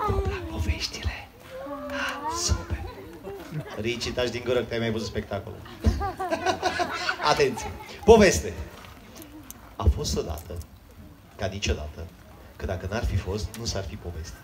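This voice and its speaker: A man's voice: lowish voice, wildly swooping pitch, pauses often. A man, a children's magician, telling a comic story on stage and teasing the audience. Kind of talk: live comedic storytelling to a crowd. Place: outdoor stage at a water park. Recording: noisy live crowd.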